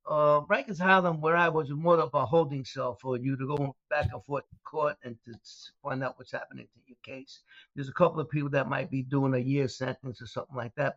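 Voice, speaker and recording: An older Brooklyn man, a onetime mobster who now gives talks, tells stories about his past as an interview guest, wandering off course with many "uh" fillers and restarts. His voice runs on the high side with a fairly bright tone. The recording is dry, dull, and lo-fi.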